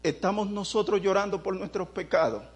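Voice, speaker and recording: High-voiced and fairly fast, a man preaches with fervor, breaking into loud prayer and posing rhetorical questions to the congregation.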